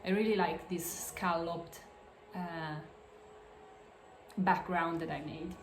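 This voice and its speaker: Speaking slowly and haltingly, this Italian-accented podcast host walks listeners through her knitting in a relaxed crafts show-and-tell, stumbling over fillers and correcting herself often. Her slightly low voice has fairly even intonation, with echo and faint background noise around her.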